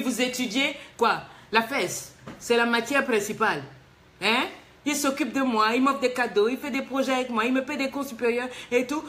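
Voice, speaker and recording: A woman life coach talks live in a lively, teasing way. Her voice sits a little high, and she keeps throwing rhetorical questions back at her listener. The delivery stays emphatic throughout. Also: a little hiss or hum. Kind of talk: live advice talk reading a letter.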